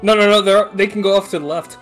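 Man, high pitch, casual gamer callouts, team voice chat, music behind. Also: fairly even intonation, a little fast, a bit bright. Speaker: game player. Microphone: gaming voice chat.

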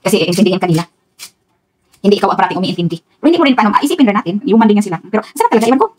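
This vlogger, a middle-aged woman from the Philippines, chats animatedly and at rapid-fire speed while cooking at home, addressing viewers directly with plenty of laughter as she wanders from topic to topic. Her medium-pitched voice is a little mellow, with a breathy edge.

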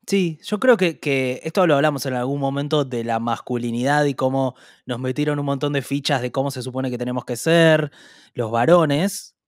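An Argentine man co-hosting a podcast, chatting casually, often hesitant and trailing off softly. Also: mid-range voice, no echo, studio quality. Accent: Argentine Spanish. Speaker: podcast co-host. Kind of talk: casual chat.

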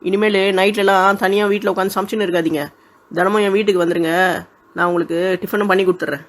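Warm-hearted peacemaking elder sister, brisk and gently firm, acted. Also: mid-range voice, steady tone, natural voice. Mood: kindly. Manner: soothing, scolding her sister gently, generous. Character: kind, calm elder sister who mediates. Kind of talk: comic village skit acting.

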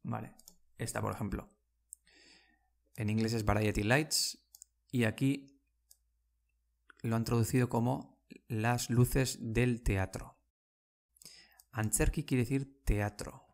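Speaking at a medium pitch with fairly even intonation and some creak, a Basque language teacher walks listeners through words in an easygoing lesson. His explanations are slow and patient, with repetition and regular "¿vale?" check-ins.

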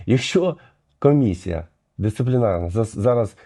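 Чоловік-коментатор обурено розбирає відео, посилаючись на закон. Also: male voice, fairly low pitch, lively intonation, moderate pace, gravelly, mellow. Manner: indignant legal argument. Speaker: commentator. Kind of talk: commentary over video.

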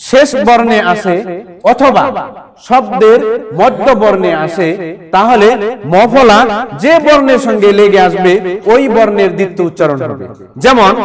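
A male teacher giving a classroom lesson, asking the class questions and answering them himself while repeating words. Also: high-pitched.

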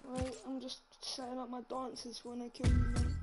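A man's voice: very high-pitched, completely flat delivery, moderate pace, over loud music, low-quality recording. A young man with a London roadman accent and slang, bantering casually while streaming a game.

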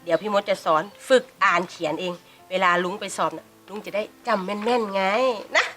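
A woman's voice: mid-range voice, a little fast, music in the background, lightly acted. A woman playing a patient, motherly housemaid who teaches English in an online short drama. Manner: patient and motherly, talks in a teasing then gentle way.

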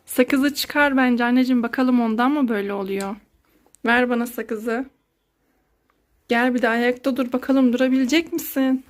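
Mom vlogger, 30s woman, high voice, theatrical exclaiming, playful skit. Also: steady tone, normal speed. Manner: dramatic, exclaiming, sing-song fussing. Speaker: mother filming her child. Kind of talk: playful family skit vlog.

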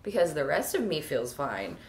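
A woman vlogging casually with a hoarse, fading voice, chatty and self-mocking and laughing often. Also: on the low side, animated, normal speed, a little hiss or hum. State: hoarse, losing her voice. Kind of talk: casual pregnancy vlog.

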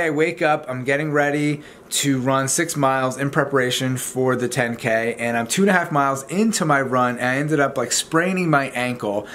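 A young man talks to the camera in an informal, chatty vlog style. His voice has a medium pitch, and he explains things casually from a living room, with noticeable background noise. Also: a bit bright. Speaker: vlogger. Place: indoors in a home living room.

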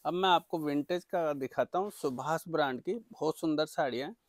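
Eager man pitching products, slightly high-voiced. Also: a little fast, dry recording, clean studio sound. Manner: eager, repetitive teleshopping-style sales pitch. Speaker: saree seller presenting products. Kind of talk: product sales demonstration.

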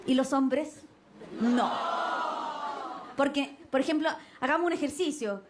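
A young Chilean woman doing a stand-up comedy set on stage, brash and slangy, swinging her pitch for quoted voices. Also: measured pace. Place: stage before a live audience. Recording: noisy live TV stage with crowd. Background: crowd laughter.

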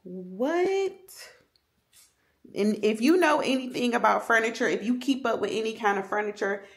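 A woman's voice: on the high side, normal speed, reverberant. A middle-aged woman chatting casually to her vlog viewers at home and in her car. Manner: chatty, animated, says "y'all" a lot. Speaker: vlogger, mother.

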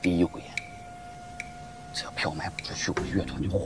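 A man acting in a TV drama as a struggling music troupe founder, wheedling and animated. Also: deep voice, brisk, natural voice. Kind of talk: TV drama dialogue.

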